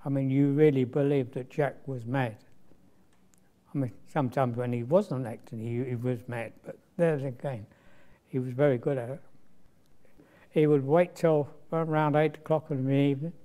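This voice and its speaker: Man, mellow and mid-range, casual recollection in an interview. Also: medium pitch, steady tone, moderate pace. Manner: conversational, with small restarts. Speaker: film crew member recalling a shoot.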